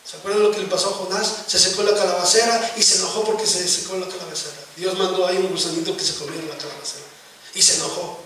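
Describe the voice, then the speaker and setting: A man preaches his sermon in a high voice, captured from across a very echoey church hall. He keeps turning to the congregation with rhetorical questions, over a faint hiss of room noise. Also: steady tone, quick pace, bright, forceful tone, far from the mic. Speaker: pastor.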